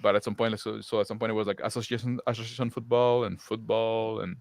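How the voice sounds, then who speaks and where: A man's voice: on the low side, little pitch movement, fast talker, creaky, darkish tone, no echo. A man chatting casually on a live stream, rambling along with lots of filler words and chuckles.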